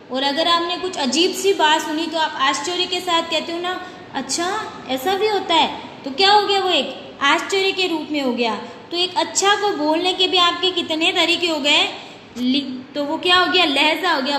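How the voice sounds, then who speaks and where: A woman teaching a grammar lesson in a high, bright voice. She explains step by step, asking a question and then answering it herself. The room rings with echo, and faint noise sits underneath. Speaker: school teacher. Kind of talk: recorded Hindi grammar lesson. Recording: echoey room with long reverb, faint noise.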